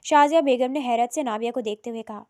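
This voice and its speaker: A woman narrating a romantic novel in a steady, scripted storytelling read. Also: fairly high pitch.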